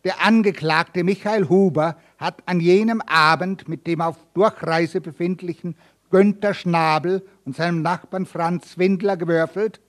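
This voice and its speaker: A harsh old-time judge interrogates in a loud, cutting tone, sneering at every answer. A man reading a story aloud gives him this voice, pitched a little high and pressed hard. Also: steady tone, a little slow. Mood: interrogating. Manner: cold, threatening, mocking. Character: stern, scornful male village judge.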